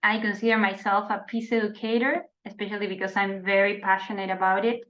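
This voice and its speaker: An Argentine woman who works as a peace educator moderates an online youth dialogue over a video call, speaking formally with frequent pauses and restarts. Her voice is medium-pitched and a bit bright, and the call audio is slightly dull.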